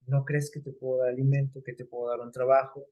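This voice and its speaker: A man preaching a sermon, explaining scripture in a conversational way with everyday examples and rhetorical questions, slowing down when he quotes it. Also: mid-range voice, level tone, highs cut off.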